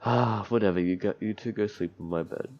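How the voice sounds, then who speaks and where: Streaming a visual novel, a man reads the game's text aloud and throws in crude, sardonic, profane commentary. His voice is fairly low, a little mellow, and slightly quick. Game music plays behind him, and the recording comes through a dull lo-fi mic.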